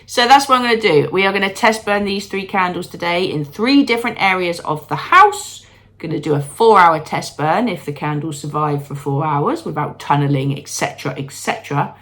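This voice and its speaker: A candle-making vlogger with a fairly low, fairly bright voice chats to her viewers at a normal pace while moving between rooms at home. Congested and sniffly with a cold, she stays bubbly and self-deprecating throughout the chatty home vlog.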